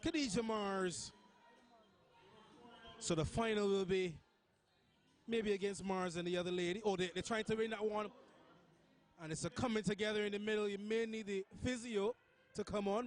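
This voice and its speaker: High-voiced Barbadian man calling futsal. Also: moderate pace, long pauses. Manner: chatty, breaks into excited shouts at chances. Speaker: match commentator. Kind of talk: live futsal commentary.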